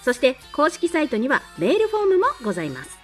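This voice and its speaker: Woman reading polite podcast notices, highish voice, faint music under it. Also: wildly swooping pitch, fast talker, distant mic. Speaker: podcast announcer. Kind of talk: polite scripted announcement.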